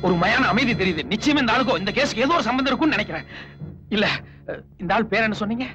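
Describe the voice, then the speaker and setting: An actor playing a confident, wry thief in a film, talking in a chatty way. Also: male voice, high-pitched, lively intonation, very fast. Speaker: thief turned helper. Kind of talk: film dialogue. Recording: dull lo-fi film audio with music.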